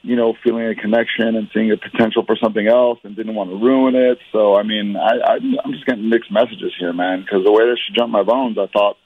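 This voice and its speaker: A man's voice: on the low side, steady tone, fast, hardly any pauses, slightly rough. A man talking casually over speakerphone on a phone line, rambling with lots of fillers and calling people "man.". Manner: rambling, filler-heavy, says "man" a lot. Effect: heard over speakerphone on a phone line. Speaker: dating show call recipient.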